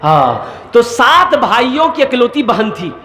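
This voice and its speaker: A man's voice: extremely high pitch, sing-song, slow, bright, forceful tone, echoey room. A man, a maulana, preaching a humorous sermon full of acted anecdotes and dialect voices. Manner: storytelling, voices characters in dialect.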